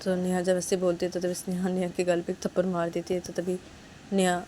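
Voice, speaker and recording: A woman's voice: lowish voice, completely flat delivery, brisk, dark tone, a little hiss or hum. A woman narrating a romantic story in a plain, repetitive, casual way.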